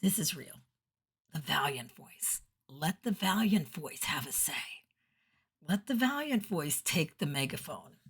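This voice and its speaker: A middle-aged woman and motivational speaker records a weekly video message. Her voice sits a touch low. She sounds upbeat, earnest and encouraging. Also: sing-song, unhurried, fairly bright tone, slightly rough.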